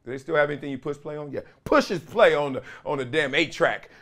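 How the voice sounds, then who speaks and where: Brisk and fairly bright, a middle-aged man with a higher-than-average voice hosts sports commentary in a small studio. He spins stories, acts out what others said, and gestures expansively.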